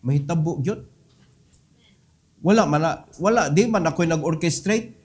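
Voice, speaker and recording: A middle-aged male pastor with a Cebuano accent, preaching in a high voice. He swings from loud, ringing exhortation to soft, low asides, dropping English phrases into his sermon. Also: normal speed.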